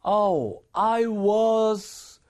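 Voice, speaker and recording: A man's voice: sits high, very slow, darkish tone. A man taking an English lesson, hesitantly answering and repeating sentences after the teacher. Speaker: student.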